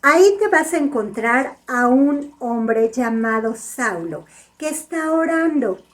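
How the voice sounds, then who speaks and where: A woman's voice: sits high, lively intonation, slow pace. A woman voicing God giving a disciple commands in a children's Bible story. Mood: commanding.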